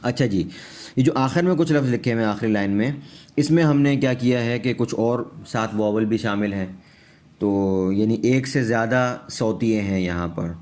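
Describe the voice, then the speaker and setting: A man's voice: on the low side, a little mellow. A man with a Pakistani accent teaching English pronunciation in Urdu, patiently repeating each word and checking in with his students.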